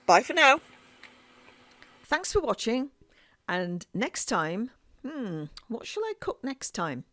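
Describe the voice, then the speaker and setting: A woman's voice: on the high side, very animated, slow, noisy background. Woman, casual cooking chat, thinking aloud, inside a tent. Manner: chatty, thinking aloud as she cooks. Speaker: camping cooking vlogger. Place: inside a heated stove tent.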